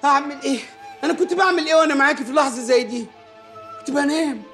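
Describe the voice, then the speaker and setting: A childish, mocking grown son with an Egyptian accent. The voice sits very high and sharp, rattling along fast with exaggerated sing-song wails. Soft music runs under it. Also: male voice. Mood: whiny pleading. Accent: Egyptian Arabic. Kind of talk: Egyptian film comedy acting.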